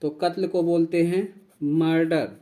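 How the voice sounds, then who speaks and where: Slow man teaching vocabulary. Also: fairly high pitch, flat delivery, mellow. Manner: slow, repeats each word and spells it out. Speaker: English teacher. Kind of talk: vocabulary lesson.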